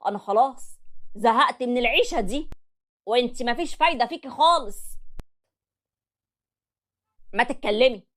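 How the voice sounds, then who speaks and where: A woman's voice: fairly high pitch, lively intonation, fairly quick, fairly bright tone, voice pushed up. A woman with an Egyptian accent voicing a fed-up young husband who scolds his wife. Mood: furious. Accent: Egyptian Arabic. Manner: scolding, exasperated. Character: fed-up young husband, quick-tempered and loud.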